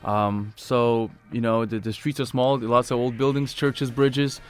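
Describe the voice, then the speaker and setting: A man's voice: mid-range voice, little pitch movement, a little slow, clean tone. A young man, a basketball player talking casually in a radio interview, stumbling and restarting often. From Lithuania. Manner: hesitant, many restarts and fillers.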